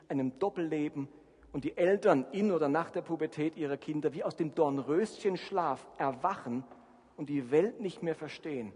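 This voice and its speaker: A male pastor delivers a sermon in a fairly high, husky voice. He preaches with emphasis and keeps turning to his listeners with rhetorical questions. His words ring out with a long reverb, as if from a large hall. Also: darkish tone.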